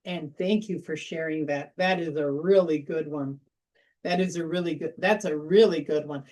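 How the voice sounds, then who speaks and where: A woman's voice: deep voice, normal speed, a little mellow. A middle-aged woman hosting an informal sales workshop, telling stories in a chatty way and repeating phrases for emphasis. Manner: chatty, storytelling, emphatic repetition. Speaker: workshop host.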